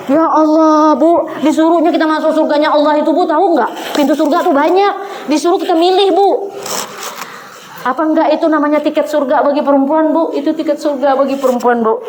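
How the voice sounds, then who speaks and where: A woman in her forties, with a high, slightly mellow voice and fairly quick pace, gives a conversational sermon to a women's congregation, often speaking straight to her listeners and reciting Arabic quotations. The room echoes, with faint background noise.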